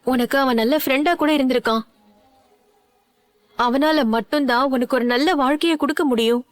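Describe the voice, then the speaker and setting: A woman's voice: sits high, moderate pace, lightly acted. A woman dubbing an older aunt in a TV serial, who earnestly coaxes her niece. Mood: coaxing. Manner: coaxing, earnest. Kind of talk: dubbed TV serial acting.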